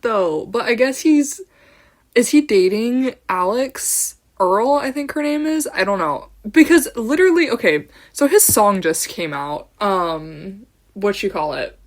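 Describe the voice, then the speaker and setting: A young woman with a middle-pitched voice hosts her own podcast solo, speaking straight to her camera in a loose, bubbly ramble. Her casual chat is full of "like" and "um," and she drifts into tangents with a giggle.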